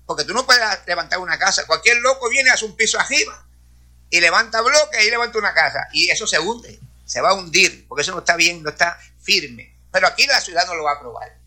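A man's voice: high-pitched, animated, fast talker, sharp tone. A man from Rico, giving a preaching testimony to a congregation and dropping hallelujahs and praise all through his talk. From Puerto Rico. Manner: peppers speech with hallelujahs and praise. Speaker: church speaker.

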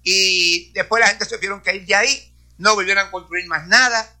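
A man speaks to a congregation in a testimony-style sermon, sprinkling hallelujahs and praise between his sentences. His voice sits high for a man, with a sharp, very bright edge. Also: moderate pace. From Puerto Rico. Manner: peppers speech with hallelujahs and praise. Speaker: church speaker.

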